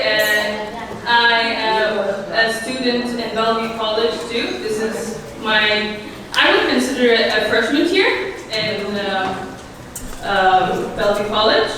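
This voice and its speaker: Nervous teenage girl in an echoey hall. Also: fairly high pitch. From Syria. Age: teens. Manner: nervous, hesitant, laughs often. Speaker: new citizen speaker. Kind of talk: nervous personal speech. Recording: echoey hall from far off, noisy.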